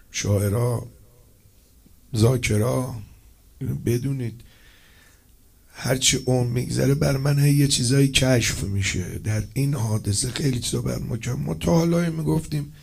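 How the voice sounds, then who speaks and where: A man giving an emotional religious mourning sermon to poets and eulogists. He swings from low murmurs to loud, impassioned cries and stretches his phrases for emphasis. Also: vocal fry, husky. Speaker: preacher addressing poets and eulogists.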